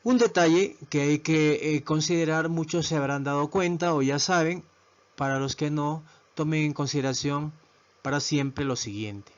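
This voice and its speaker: A man teaching a video lesson who talks slowly and patiently, repeating words and often checking in with his listeners. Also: fairly high pitch, lo-fi sound. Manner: slow, repetitive, asks "¿verdad?" often. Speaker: English teacher.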